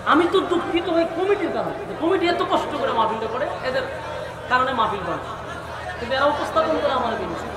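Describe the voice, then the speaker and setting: A man preaches at a large open-air gathering and chants the verses long and drawn out. His voice comes over a loudspeaker microphone from a distance and echoes through a wide space. The crowd and background noise can be heard clearly. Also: very high-pitched, lively intonation, a little fast. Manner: rhetorical questions to the audience. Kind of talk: Islamic sermon at an outdoor gathering. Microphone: public address microphone. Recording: roomy, echoey PA sound from far, with crowd and noise.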